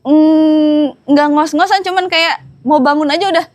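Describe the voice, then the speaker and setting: A woman's voice: high-pitched, fairly even intonation, darkish tone. Chatty young woman, Jakarta slang. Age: young adult. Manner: chatty, laughing, halting with fillers. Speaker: guest. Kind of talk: casual storytelling.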